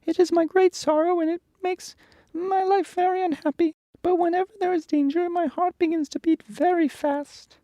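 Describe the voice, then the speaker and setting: A man's voice: very high voice, steady tone, normal speed, mellow, no room sound, clean studio sound, pitched above the performer's own voice. A man voicing a timid, sorrowful lion confessing his cowardice in a storybook reading. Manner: mournful, confessional storybook delivery.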